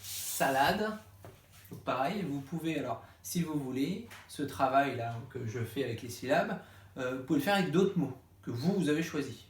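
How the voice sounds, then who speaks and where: Male schoolteacher, patient step-by-step explainer, mid-pitched voice, roomy echo around him. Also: lively intonation, normal speed, a little hiss or hum. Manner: patient, step-by-step, acts out asking the child. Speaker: primary school teacher. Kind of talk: explaining a home lesson to parents. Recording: echoey room.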